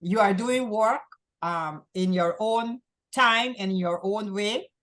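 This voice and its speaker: A woman's voice: medium pitch, slow, fairly bright tone. A woman from Guyana hosting a community access talk show, talking in long rambling runs and often repeating herself. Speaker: host.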